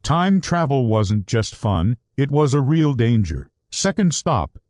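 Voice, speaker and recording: A man narrating a scripted children's adventure story in an animated storybook manner. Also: medium pitch, slow, no room sound, clean studio sound.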